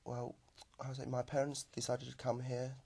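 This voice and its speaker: Hesitant young man, gravelly and flat. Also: mid-range voice, moderate pace. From Macau. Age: young adult. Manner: hesitant, many ums and restarts. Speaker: exam candidate. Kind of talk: speaking exam answers.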